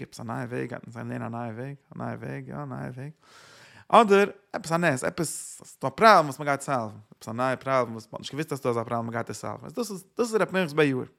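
A man giving an informal religious teaching, halting and repeating himself, with English words mixed in. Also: medium pitch, gravelly, fairly bright tone.

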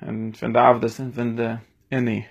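A man's voice: mid-range voice, monotone, rapid-fire, gravelly. A man giving a spoken religious lesson, rambling and restarting, mixing in Hebrew and English words. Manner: mixes Yiddish with English and Hebrew terms. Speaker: teacher.

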